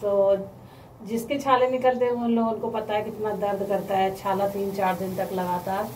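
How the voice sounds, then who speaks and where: A woman chatting casually to her viewers in a home vlog, speaking slowly because of sore mouth ulcers. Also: medium pitch, flat delivery, darkish tone, reverberant, far from the mic, slight background noise. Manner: chatty, often addresses viewers as guys. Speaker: family vlogger.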